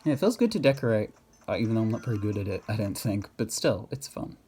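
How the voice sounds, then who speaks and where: A man's voice: lowish voice, big pitch swings, quick pace, mellow, slight background noise. A man giving casual, rambling game commentary, thinking aloud and often questioning himself in a hesitant way. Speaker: gamer narrating own gameplay.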